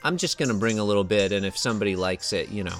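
Podcast host guy, playful banter, bright voice, bit of music under it. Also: fairly low pitch, very fast. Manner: animated, playful game-show emcee delivery.

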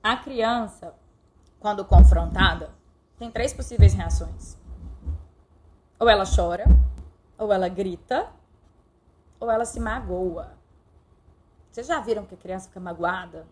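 A woman's voice: medium pitch, unhurried, pauses often, background noise. A middle-aged woman teaching a live-streamed online lesson, speaking directly and affectionately to her viewers. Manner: warm direct coaching, addresses viewers affectionately.

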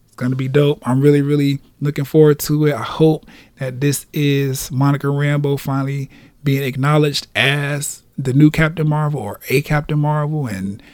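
Man, podcast host, relaxed, chuckles a lot, dry close sound. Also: fairly high pitch, normal speed, dry recording. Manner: laid-back, swears casually, laughs often. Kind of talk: casual solo podcast review.

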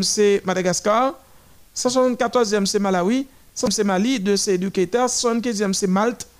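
One by one, a man lists the nations marching in a parade, his commentary halting and restarting, and his voice sitting high.

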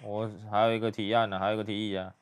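Low, smooth-voiced man muttering commentary. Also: flat delivery, rapid-fire. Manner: hushed, muttered running commentary. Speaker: host reacting to a video. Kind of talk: play-by-play reaction commentary.

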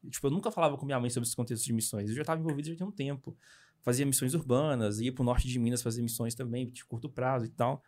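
A young Brazilian man, a missionary guest, telling his story in a casual interview with animated, hurried speech and frequent tag questions. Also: medium pitch. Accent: Brazilian Portuguese.

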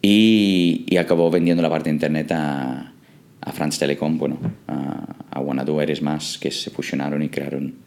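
A man's voice: a bass voice, steady tone, moderate pace, vocal fry, darkish tone. A man from England, a startup co-founder, answering interview questions in a hesitant way with many fillers and restarts.

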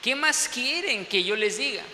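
A man voicing a formerly blind young man who tells his story plainly and insists on it, rising to shouts. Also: very high-pitched, expressive, normal speed, full character voice. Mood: matter-of-fact. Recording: long hall reverb, faint hiss.

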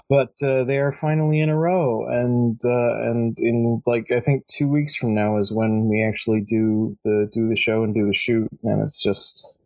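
A man's voice: mid-range voice, fairly even intonation, unhurried, darkish tone, rough recording. A young man co-hosting a podcast in casual chat, rambling with lots of ums, sounding like he just woke up. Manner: rambling, many ums and restarts, sleepy-sounding. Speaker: podcast co-host.

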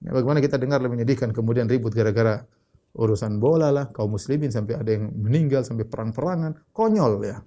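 A man's voice: mid-range voice, fast talker. A man giving an Islamic religious lecture, telling a story, quoting Arabic and translating it, with frequent restarts. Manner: explanatory, restarts often, quotes Arabic then translates; rises sharply when voicing shouts in the story. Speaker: Islamic preacher.

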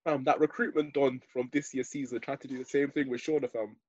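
A man's voice: medium pitch, fairly even intonation, brisk, a little mellow, no room sound, dull audio. A young man with a London roadman accent bantering casually on a podcast in heavy, matey street slang. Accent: London roadman, urban British slang. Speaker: podcast co-host.

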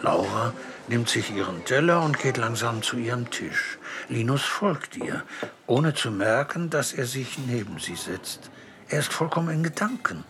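Gentle male storybook narrator. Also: mid-range voice, animated, measured pace. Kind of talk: scripted children's audiobook narration. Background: faint music.

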